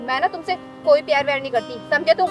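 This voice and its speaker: A woman's voice: high voice, quick pace, music in the background, lightly acted. A woman playing an anxious schoolgirl who is harassed and pleads with her father. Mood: firm. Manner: pleading, distressed.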